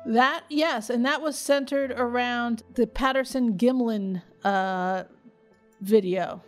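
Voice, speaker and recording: A woman's voice: fairly high pitch, slow, faint music behind. A woman co-hosting a podcast in a casual, chatty style. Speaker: podcast co-host. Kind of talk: casual chat, partly reading out facts.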